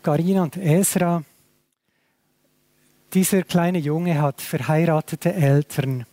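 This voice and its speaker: A man's voice: a little high, warm tone, dry recording. A man preaching a sermon to a small church, conversational and full of questions. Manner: conversational, asks many questions. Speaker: pastor.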